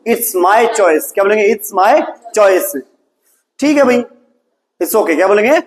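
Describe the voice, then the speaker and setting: Taking it slowly and expressively, an Indian-accented English teacher with a fairly high voice leads a classroom drill, asking in Hindi and having students reply in English. He calls them "beta" and praises them a lot, and there's a little hiss or hum in the audio.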